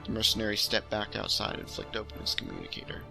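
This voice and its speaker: Music runs under this storytelling host as he reads his own sci-fi tale aloud in a relaxed, amateurish way. His lowish voice moves fast, with vocal fry and pitch that swoops wildly.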